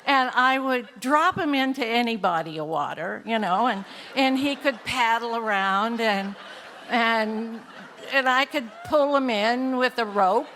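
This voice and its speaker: A woman's voice: fairly high pitch, a little slow, a bit bright, big-room sound, slight background noise. An older woman telling a true story live on stage, wry and laughing, often correcting herself mid-sentence. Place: theater stage before an audience.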